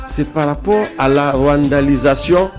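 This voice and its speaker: Over music, a man from South Kivu speaks in a slightly high, slightly slow voice with a Congolese French accent. He is a guest in a political interview, making an opinionated argument and repeating phrases emphatically to drive his points home.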